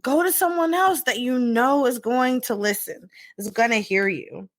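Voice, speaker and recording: A middle-aged woman, a therapist co-hosting a podcast, chatting casually and telling stories with lively quoted asides. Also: a little high, moderate pace, no echo. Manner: animated, storytelling with quoted asides. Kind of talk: casual chat.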